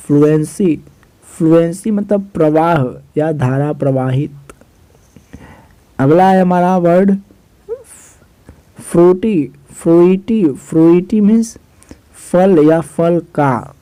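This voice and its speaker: A man's voice: on the high side, warm tone, dry recording, low-quality recording. A young man teaching English word meanings, spelling each word out letter by letter and repeating the meanings. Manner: addresses viewers as "guys". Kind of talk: vocabulary lesson.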